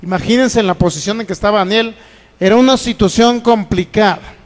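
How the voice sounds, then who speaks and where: High-voiced man preaching a sermon. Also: brisk, big-room sound. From Mexico. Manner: asks the congregation questions and answers them himself. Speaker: pastor. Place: church sanctuary.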